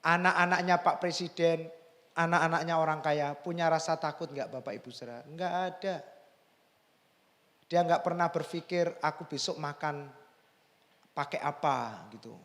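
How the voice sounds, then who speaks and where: A man's voice: fairly high pitch, steady tone, moderate pace, fairly bright tone, long reverb tail. A male pastor preaching a sermon in a church, dramatic and full of call-and-response. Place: church hall.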